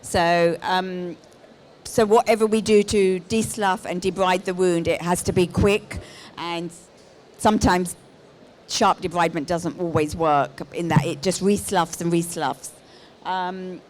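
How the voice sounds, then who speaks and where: Lower-pitched woman presenting over noise. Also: unhurried, a little mellow. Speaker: lead podiatrist, presenter. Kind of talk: live presentation. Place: exhibition stand in a large busy indoor hall. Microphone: handheld microphone. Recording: live hall with clear background noise.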